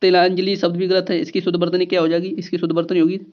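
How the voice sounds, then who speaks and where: In a dull, lo-fi recording, a fairly high-voiced man leads an exam-prep grammar lesson in a monotone. He works through each point slowly, step by step, repeating key words and posing rhetorical questions back to the class.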